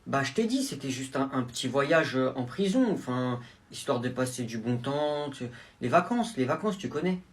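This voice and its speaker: A man's voice: mid-range voice, lively intonation, moderate pace. A man acting in a comedy sketch, speaking in a hesitant, apologetic way. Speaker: sketch actor.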